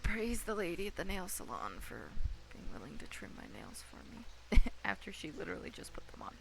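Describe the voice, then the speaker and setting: Woman streamer, casual gameplay chat, gravelly, music playing behind. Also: mid-range voice, very animated, fairly quick, low-quality recording. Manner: muses aloud, reads game text, chats to viewers.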